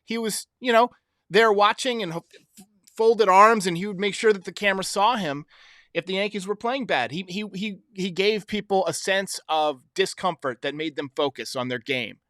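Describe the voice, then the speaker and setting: A man hosting a sports show, giving casual opinion commentary in a conversational way, thinking out loud as he goes. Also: sits high, moderate pace, no echo, studio quality. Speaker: sports show host answering fan voicemails.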